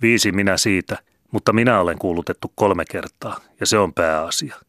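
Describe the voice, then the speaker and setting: A man's voice: deep voice, sharp tone, no echo, studio quality. A man voicing a touchy, self-important village merchant in an audiobook. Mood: indignant.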